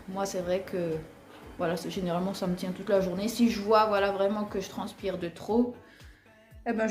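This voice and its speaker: A chatty woman with an Alsatian accent walks through her everyday makeup as she applies it, with many fillers and pauses. Her voice sits in the middle range. It rings in an echoey room with faint music underneath. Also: medium pitch. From Alsace, France. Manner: chatty, frequent fillers, talks while applying makeup. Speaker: beauty vlogger. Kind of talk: casual makeup tutorial.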